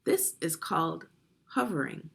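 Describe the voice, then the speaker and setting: A woman's low voice, a little slow and animated, carries vocal fry along with a slightly rough, somewhat bright quality. As a reading teacher narrating children's nonfiction, she instructs her young audience and prompts them with guiding questions.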